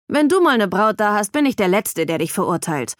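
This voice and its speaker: A brash young man, read by a woman, gruff and condescending in an audiobook. His lines sit at a middling pitch and come across dry and close, with no room sound around them. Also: sing-song, brisk, dry recording, natural voice. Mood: offhand. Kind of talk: audiobook character voice.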